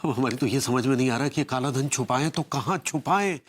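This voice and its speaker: An actor playing a fussy, scheming middle-aged husband who stammers when flustered. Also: male voice, mid-range voice, fairly quick, slightly rough, natural voice. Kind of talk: TV sitcom acting.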